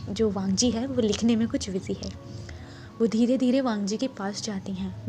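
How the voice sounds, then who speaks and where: Female narrator, reading fanfiction aloud, soft warm tone. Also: medium pitch. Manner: switches between narration and soft quoted lines. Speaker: fanfiction storyteller. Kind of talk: reading a fan story aloud, voicing all characters.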